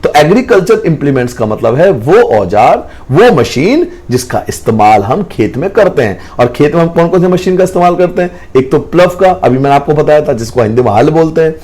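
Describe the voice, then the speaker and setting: A man's voice: a little high, very animated, brisk, few pauses, a little mellow. A man teaching a school science lesson, explaining patiently, repeating key points and addressing students affectionately. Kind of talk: classroom lesson.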